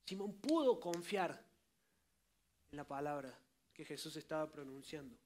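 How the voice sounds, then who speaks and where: A man with a notably high voice preaching a sermon. He talks straight to his listeners with colloquial asides and throws himself into acting out the scripture quotes.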